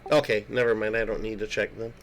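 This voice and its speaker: A man's voice: on the low side, little pitch movement, fast talker. A man chatting casually as a player in a tabletop role-playing game. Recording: faint music behind the voice.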